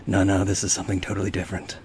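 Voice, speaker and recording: A man's voice: completely flat delivery, very fast, darkish tone, a little hiss or hum. A man chatting casually over a game while speaking in a put-on army voice that his partner finds odd. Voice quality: low, unusual-sounding voice. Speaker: gamer streaming a multiplayer game. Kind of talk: casual gameplay commentary.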